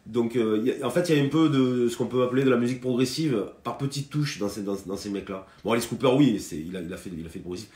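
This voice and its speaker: Male guitar teacher on a live stream, loose and chatty, lots of fillers, mid-pitched voice, roomy sound with guitar under him. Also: fast talker, hardly any pauses, mellow. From France. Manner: chatty, hesitant, many fillers and restarts; greets viewers by name between explanations. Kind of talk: casual live guitar lesson.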